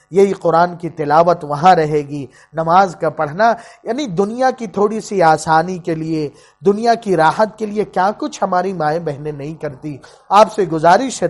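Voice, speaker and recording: Emotional male preacher, high voice. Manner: pleading, emotive storytelling. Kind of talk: emotional sermon.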